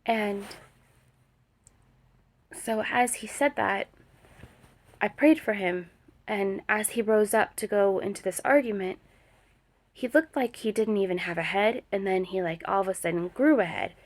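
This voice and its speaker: A woman's voice: medium pitch, unhurried, long pauses. A woman telling a personal dream story in a rambling way, full of fillers and restarts, with talk of prayer. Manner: religious, speaks of prayer. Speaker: vlogger sharing a dream vision.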